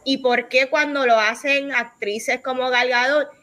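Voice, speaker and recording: A woman's voice: sits high, steady tone, unhurried, fairly bright tone. A woman hosting a casual podcast chat, talking animatedly and mixing English words into her Spanish. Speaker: podcast host.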